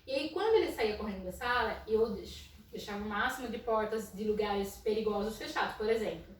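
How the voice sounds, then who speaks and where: A Brazilian woman, a psychologist, talking casually about school inclusion in her naturally loud voice. She tells stories and keeps tagging her sentences with "né?". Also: mid-range voice, fairly quick. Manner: storytelling with frequent "né?" tags and soft laughs. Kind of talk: casual educational talk. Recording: echoey room, mic at a distance.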